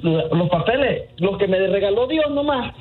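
A man answering a prank phone call with deadpan, evasive wisecracks. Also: sits high, normal speed, slightly rough. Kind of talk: phone conversation.

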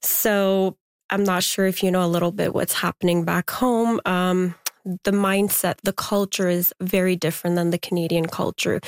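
A woman in her twenties, originally from Afghanistan, answering interview questions openly and earnestly, with soft laughs. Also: lowish voice, no room sound, studio quality. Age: 20s. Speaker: interview guest, pageant contestant. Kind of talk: recorded interview.

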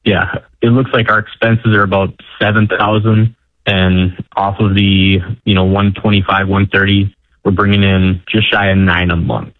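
A man's voice: lowish voice, level tone, normal speed, no echo. A man calling in to a radio show over a phone line, laying out his question in an earnest, matter-of-fact way. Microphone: telephone. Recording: tinny dry phone line.

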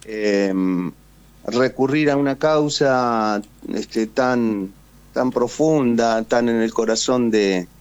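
A man with an Argentine Spanish accent, a war veteran and writer, joins a radio call as a guest for a casual phone interview. His mid-range voice is clear and resonant, with the highs cut off, and he takes it slowly, speaking hesitantly with lots of fillers and tag questions.

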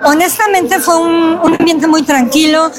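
A woman's voice: very high-pitched, steady tone, a little slow. Enthusiastic Mexican woman fan in a crowd. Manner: enthusiastic, talks at length. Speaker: interviewed fan. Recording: street crowd behind.

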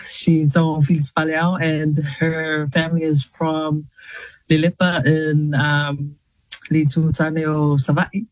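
In casual interview chat on a talk show, this thirtysomething New Zealand journalist is chatty, laughing easily and often restarting with lots of fillers. Her voice sits low, barely shifts in pitch, and moves slowly; the recording has no echo but is low quality.

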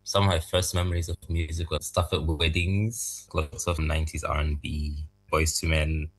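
A young man from Zambia, raised in Malawi, answering interview questions about making music in a soft, thoughtful, halting way. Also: a bass voice, flat delivery, husky, low-quality recording. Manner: soft-spoken, thoughtful, halting, laughs lightly. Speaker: music producer, guest.

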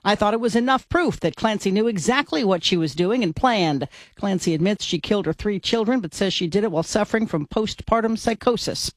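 A woman anchoring a network radio newscast in a crisp, measured delivery. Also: medium pitch, expressive, dry recording. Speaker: news anchor.

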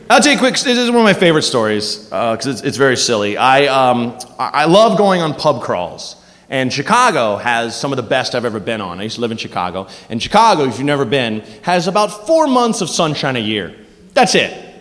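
A man doing a stand-up comedy set, lively and storytelling, a bit halting. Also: mid-range voice, in a large hall. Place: comedy stage before a live crowd.

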